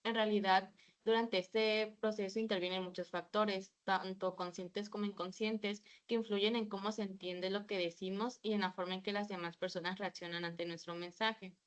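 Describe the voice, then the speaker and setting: A woman's voice: medium pitch, fairly even intonation, normal speed, few pauses, dull audio. A woman giving a class presentation, reading from slides with a few hesitant fillers. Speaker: student presenter.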